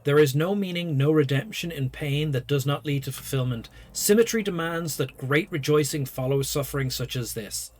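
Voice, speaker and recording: Guy doing a lets play, slightly high voice, reads the game text out loud. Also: normal speed, few pauses. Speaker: let's play host. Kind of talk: reading game text and dialogue aloud.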